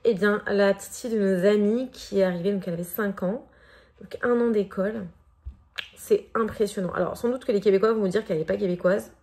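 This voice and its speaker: French woman, thirties, casual vlog chat, gravelly fry, mid pitch, fillers. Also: steady tone, fairly quick, darkish tone. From France. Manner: chatty, hesitant with frequent fillers. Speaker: vlogger.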